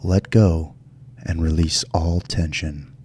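A man hosting a guided relaxation meditation in a soft, soothing, gentle delivery. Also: a bass voice, steady tone, slow pace, breathy edge. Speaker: show host.

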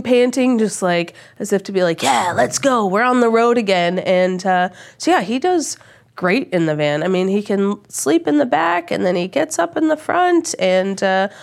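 A young woman from Minnesota with a stuffed-up voice from a cold, chatting casually in an interview about her van travels. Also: medium pitch. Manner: chatty, rambling with restarts. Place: lodge room at a campground.

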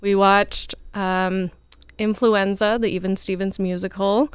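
A woman's voice: medium pitch, level tone, unhurried, clear, resonant tone, no echo. A woman guest on a casual movie podcast, friendly and chatty as she tells stories.

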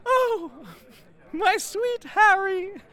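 A man's voice: very high-pitched, drawn-out words, sharp tone, pitched above the performer's own voice, exaggerated voice. A man voicing a doting noblewoman wife in an exaggerated, mincing parody on the Shakespearean stage. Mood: sweetly mocking.

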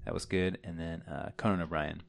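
Low-voiced relaxed podcast host. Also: male voice, a little fast, vocal fry. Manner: relaxed, hesitant with frequent "uh"s. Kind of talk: casual podcast chat.

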